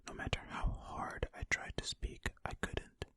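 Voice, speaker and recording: Whispering breathily from ear to ear into a close stereo microphone, an ASMR host reads a story aloud. The pace is unhurried and musing, with casual asides, and the tone is sharp.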